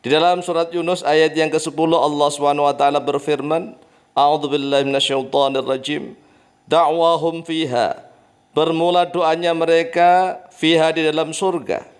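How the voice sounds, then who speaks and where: Man giving a gentle Islamic talk. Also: a little high, clean tone. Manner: drawn-out, soft chanting of Arabic phrases. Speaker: Islamic preacher and teacher. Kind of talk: religious talk.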